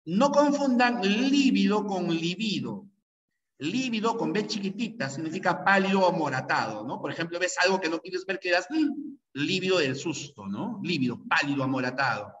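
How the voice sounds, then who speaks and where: A male pre-university language teacher from Peru, whose voice is on the high side with a fairly bright tone, gives a classroom lecture with slight background noise. He repeats key rules over and over to drill students and checks in with them often. The room echoes, and the distant mic sounds dull.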